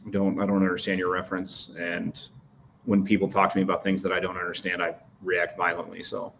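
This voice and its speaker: A man guesting on a casual podcast, with dry deadpan humor. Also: deep voice, fairly quick, gravelly, a little hiss or hum. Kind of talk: casual chat.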